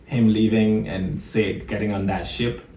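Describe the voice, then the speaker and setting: A man's voice: fairly low pitch, fairly even intonation, a little slow, mellow, slight background noise. A man from Cameroon, a guest entrepreneur, talking thoughtfully in a casual interview and laughing easily. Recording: roomy, distant mic with faint ambience.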